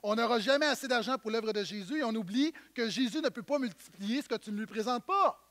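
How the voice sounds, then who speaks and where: A male pastor, preaching a sermon in an animated, conversational way with asides to the congregation. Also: sits high.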